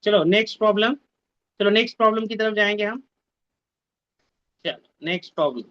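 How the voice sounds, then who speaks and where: A man's voice: sits high, a little fast, fairly bright tone, dry recording, muffled recording. A man teaching a math lesson in an online class, mixing Hindi and English and repeating his instructions. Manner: mixes Hindi and English, repeats instructions, scolds students to mute mics. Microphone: video call.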